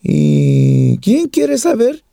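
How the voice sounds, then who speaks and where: A man voicing a blunt, suspicious female hospital nurse who speaks slowly and pointedly. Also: very high voice, huge pitch swings, creaky, warm tone, dry recording, clean studio sound, voice pushed up, exaggerated voice.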